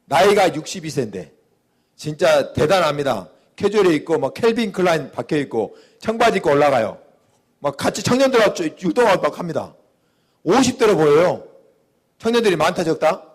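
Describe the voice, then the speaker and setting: Animated Korean male pastor preaching. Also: a little high, a little fast, breathy edge. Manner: animated preaching, acting out quoted voices. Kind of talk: sermon.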